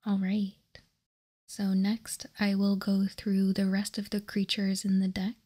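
A card game ASMR channel host whispers calmly near the mic, her breathy, unvoiced, mid-range voice describing each card in turn with hushed deliberation.

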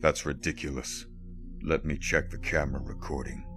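A man voicing an irritated middle-aged store owner who talks in a gruff, dismissive way. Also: extremely low pitch, steady tone, moderate pace, music in the background, pitched below the performer's own voice. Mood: annoyed.

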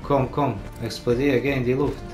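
A man's voice: mid-range voice, level tone, moderate pace. A man giving casual commentary on his gameplay, swearing often and urging the game on with repeated words. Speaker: let's play gamer. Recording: voice over loud game music and gunfire. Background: game music and gunfire.

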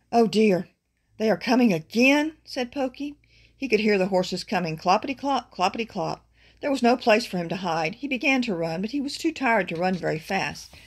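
A woman reads a children's picture book aloud, her voice gravelly and husky. Her pitch rises and falls in a lively, expressive way as she points out what is on each page. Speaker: storybook reader.

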